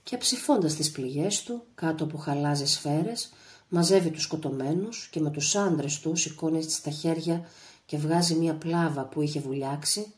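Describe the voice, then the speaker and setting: A female audiobook narrator reads a novel in a measured, dramatic style. Her voice is very low for a woman, steady and deliberate, suited to literary narration.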